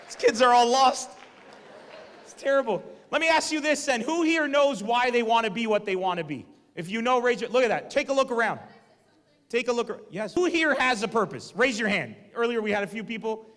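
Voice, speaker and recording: A stand-up comedian, appearing as guest speaker, gives a motivational talk to students in a university hall, cracking jokes and directly questioning the audience. His voice is very high-pitched, a bit bright, animated and brisk, and the lecture hall sounds echoey.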